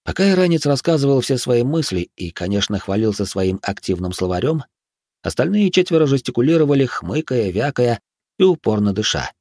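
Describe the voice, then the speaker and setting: A man reading an audiobook in an animated, expressive manner. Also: mid-range voice, a little fast, no echo, studio quality. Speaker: narrator. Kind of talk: audiobook narration.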